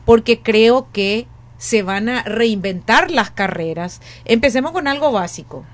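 Animated and on the high side, the voice belongs to a woman in her late forties with a Paraguayan Spanish accent, speaking at a measured pace. She's an education academic being interviewed as a guest in a conversational exchange, earnestly working through her thoughts by repeating and restarting phrases.

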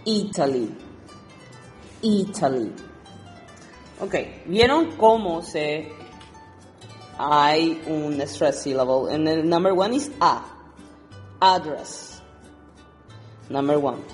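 A woman teaching English to Spanish speakers, explaining exercises and reading each word slowly twice. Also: low voice, lively intonation, reverberant, in a large hall, soft background music. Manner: switches between Spanish and English, reads words slowly twice. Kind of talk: recorded lesson explaining exercises.

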